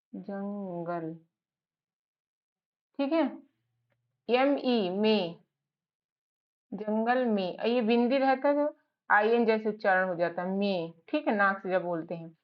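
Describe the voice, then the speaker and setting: A woman teacher patiently sounding out letters and words one by one, repeating each word and asking herself questions as she goes. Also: mid-range voice. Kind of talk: slow spelling lesson, sounding out letters. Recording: slightly dull lo-fi audio.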